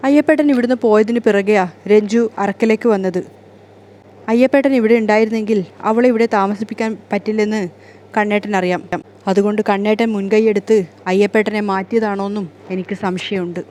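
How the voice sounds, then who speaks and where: A woman voicing a soft, hurt young wife. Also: mid-range voice, steady tone, a little fast, natural voice. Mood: subdued.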